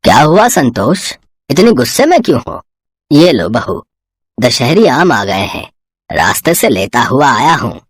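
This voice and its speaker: A woman voicing an easygoing older man in a cartoon, the father-in-law, who chides gently and sounds relaxed. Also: very deep voice, a little slow, breathy edge, dry recording, studio quality, full character voice. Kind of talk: cartoon voice acting.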